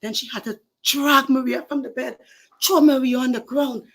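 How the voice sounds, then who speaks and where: A woman telling a moral story to children, animated and dramatic, speaking to the kids directly. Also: sits high, normal speed.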